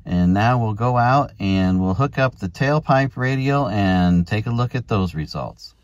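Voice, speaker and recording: A middle-aged American vlogger with a fairly low, expressive voice takes his time explaining ham radio in a down-to-earth, folksy manner. The audio is dry and lo-fi, captured outdoors in an open field and partly within a parked car.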